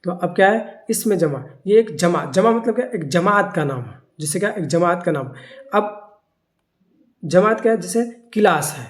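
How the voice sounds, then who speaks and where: A grammar teacher, giving a lecture in which they keep asking rhetorical questions, answering them and repeating key terms slowly. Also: mid-range voice, animated. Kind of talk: classroom-style grammar lecture.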